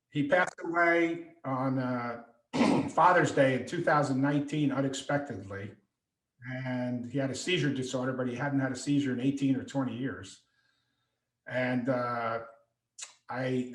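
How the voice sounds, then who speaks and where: A middle-aged man telling a story over a video call, acting out the voices of the people in it. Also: mid-range voice. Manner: animated storyteller, acts out quoted voices. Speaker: author and speaker. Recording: echoey room on a call.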